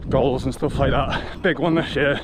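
A fitness vlogger in his twenties with an English accent chats casually to an action camera held at arm's length while running, out of breath, on a forest trail. His voice is medium-pitched and steady at a moderate pace, and the outdoor audio is noisy.

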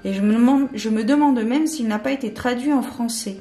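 Woman, higher voice, hesitant casual chat, echoey room, faint music. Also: fairly quick, mellow. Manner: hesitant, many fillers and restarts. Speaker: vlogger unboxing candles.

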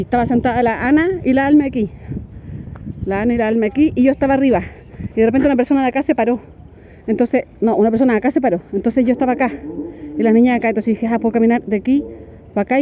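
A middle-aged Chilean woman with a high but dark, mellow voice, chatting and retelling a story in a family vlog. She speaks Chilean Spanish in an animated, storytelling way. It sounds like a phone recording outdoors, a bit dull, with faint background noise. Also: quick pace, long pauses. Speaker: vlogger mother.

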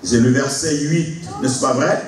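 Pasteur prêcheur dans une salle très réverbérante. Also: male voice, mid-range voice, measured pace. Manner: preaching, rising to shouts, with laughter. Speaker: pastor. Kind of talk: sermon. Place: large church hall with congregation. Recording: echoey hall, far from mic, congregation noise.

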